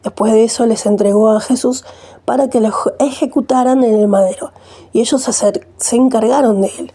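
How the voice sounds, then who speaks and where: Lady reading the bible aloud, steady, slight slips, kinda husky. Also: a little high, brisk. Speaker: Bible reader. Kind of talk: scripture reading.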